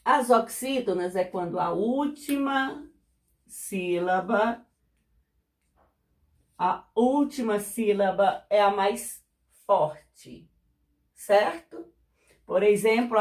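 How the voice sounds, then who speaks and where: A woman explaining lesson material as a teacher, patient and repetitive, often checking whether her students follow. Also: medium pitch. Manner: slow, patient, repeats examples and checks understanding. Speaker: Portuguese teacher. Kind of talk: classroom explanation.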